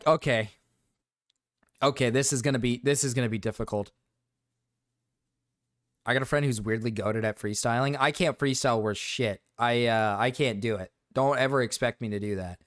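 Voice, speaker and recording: A man's voice: mid-range voice, a bit bright, no echo. Guy streaming, rambles and restarts a lot, laughs, dry close sound, mid voice. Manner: rambling, self-interrupting, laughs often. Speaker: live streamer. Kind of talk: casual stream chat.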